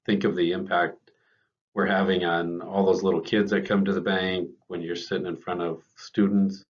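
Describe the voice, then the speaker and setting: A very low-voiced man speaks with a scratchy throat left over from a cold, talking loosely to his team and circling back with ums and false starts. The recording is dull and lo-fi. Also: level tone, moderate pace. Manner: casual, unscripted, many ums and restarts. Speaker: bank leader addressing staff. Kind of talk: informal staff talk.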